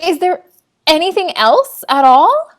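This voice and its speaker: Playful, high-voiced woman player. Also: very animated, a little slow. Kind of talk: playing a tabletop game in character. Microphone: video call.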